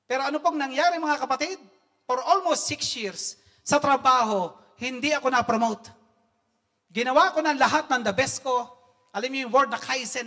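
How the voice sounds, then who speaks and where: A middle-aged man from the Philippines giving an earnest testimony sermon to his congregation, often slipping into English and building to loud exhortation. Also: extremely high pitch. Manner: earnest, addresses the congregation as brethren, mixes English phrases. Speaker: lay preacher sharing testimony.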